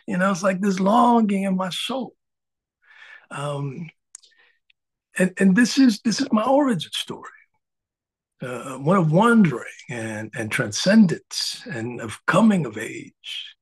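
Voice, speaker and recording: Husky-voiced man giving a spiritual talk. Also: high-pitched, sing-song, slow pace, long pauses. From Dominican Republic. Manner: earnest, with frequent filler sounds and soft chuckles. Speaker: spiritual coach. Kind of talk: live presentation to an audience.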